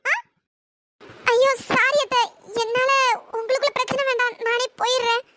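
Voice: extremely high pitch, little pitch movement, normal speed, bright, forceful tone, no room sound, studio quality. A performer voicing a polite, apologetic young woman in a cartoon, pleading to be heard. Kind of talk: pitched-up cartoon voice acting.

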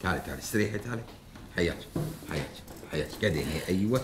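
Brisk fatherly boss. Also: sits low, expressive, background noise. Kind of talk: TV drama acting.

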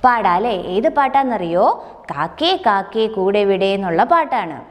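A woman's voice: mid-range voice, sing-song, a little slow. A woman kindergarten teacher teaching a nursery rhyme to small children, coaxing them along with question after question and calling herself "miss". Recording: long reverb, hall-like.

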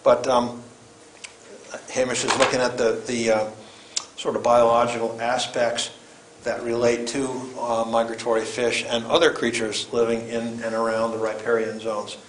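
Older man, flat halting delivery, echoey room. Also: mid-range voice. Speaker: event host introducing the speaker. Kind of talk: informal spoken introduction. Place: lecture room, standing away from camera. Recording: echoey room with background noise.

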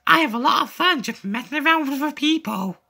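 Woman putting on a high gravelly yeti voice, prank-loving, slow drawl. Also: lively intonation, bright, forceful tone, full character voice. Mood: mischievous. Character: playful prankster yeti creature.

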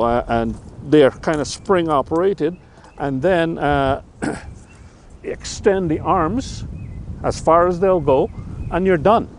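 An older man casually reviewing a camping chair outdoors by a lake on a lapel mic, talking in a relaxed, rambling way with lots of fillers. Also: medium pitch, slight background noise. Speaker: gear reviewer.

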